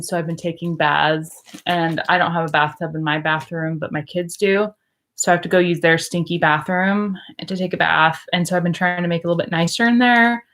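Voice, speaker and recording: A woman's voice: lowish voice, a bit bright. A woman who teaches English, chatting casually to camera in a rambling way with many ums and likes. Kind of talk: casual vlog chat.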